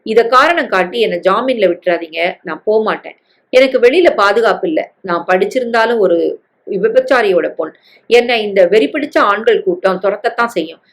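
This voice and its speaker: A woman voicing a defiant young woman who stays calm and firm after a killing, in a read-aloud story. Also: medium pitch, normal speed, close to an everyday voice. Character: woman in her thirties, defiant killer who stays composed.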